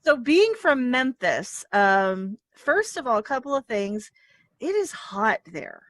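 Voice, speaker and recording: A talk show host, this woman speaks in a fairly high voice. She is effusive and animated, laughing easily. The sound is dry and close. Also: takes it slowly, no room sound. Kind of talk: casual interview chat.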